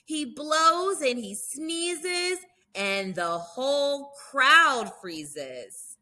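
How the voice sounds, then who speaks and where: A woman reading a picture book aloud for young children in an animated, dramatic storytelling manner, drawing out key words. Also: high voice, very slow. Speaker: children's read-aloud host.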